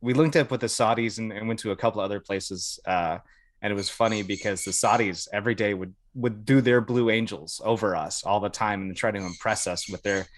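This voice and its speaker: A little fast and on the low side, the voice belongs to an American podcast guest who served in the Air Force. He tells stories casually, swearing now and then and acting out snippets of dialogue, with no room sound.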